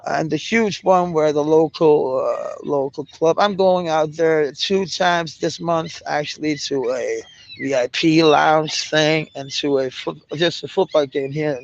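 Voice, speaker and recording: A Danish man with a gravelly, raised voice rambles through a casual livestream chat, drawling his words slowly. He swears freely and laughs often, and the recording sounds dull and lo-fi. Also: fairly high pitch, no echo. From Denmark.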